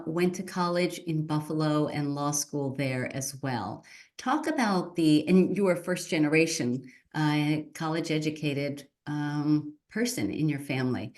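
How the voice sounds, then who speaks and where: A middle-aged woman hosts a conversation, her voice sitting low in her range. She praises her guest warmly and asks long, winding questions with the odd "uh". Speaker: host, state senator. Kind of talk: interview.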